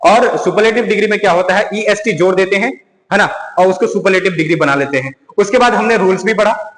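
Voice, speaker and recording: A male teacher giving a grammar lesson, asking questions and answering them himself, and repeating key words slowly. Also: high voice, a bit bright. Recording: echoey room with long reverb.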